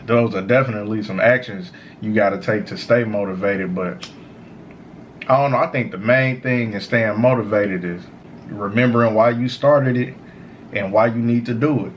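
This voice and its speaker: A man who sounds high, giving a casual, slangy, meandering stoner monologue of motivational advice as a show host. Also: normal speed, highs cut off, slight background noise. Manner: repeats "you know" tags, informal slangy phrasing. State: high on cannabis. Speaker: host of a smoke session series.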